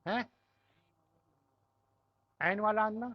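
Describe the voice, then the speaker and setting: High-voiced Pakistani man teaching a class. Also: no room sound, lo-fi sound. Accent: Pakistani Urdu. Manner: explains step by step, asking the class questions and checking with "right?". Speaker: Arabic grammar teacher. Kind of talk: classroom lesson.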